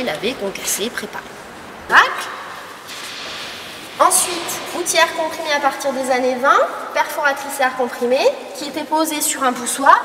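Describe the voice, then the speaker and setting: Heard from far off in a noisy, echoing mining museum hall, a high-pitched woman guides a group tour, explaining exhibits and quizzing the visitors. She is tired and has a cold, and a far camera records the tour.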